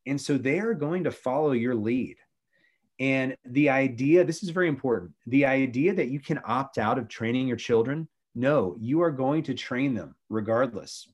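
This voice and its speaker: A man's voice: medium pitch, normal speed. A middle-aged man, a former youth pastor, talking about faith and family in an earnest, preachy way with many restarts.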